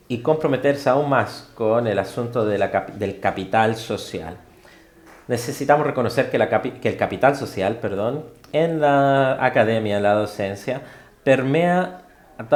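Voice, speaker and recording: A man relays a university lecture in spoken interpretation, mid-pitched and halting. He leans on fillers and corrects himself mid-phrase. The sound carries a roomy echo. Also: a little mellow.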